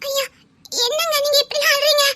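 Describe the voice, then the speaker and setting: A woman with a Tirunelveli Tamil accent, playing a naive, trusting young woman who stammers softly. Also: very high-pitched, flat delivery, moderate pace. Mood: shy. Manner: hesitant, stammering, soft. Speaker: actress in a skit. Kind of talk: melodramatic skit acting.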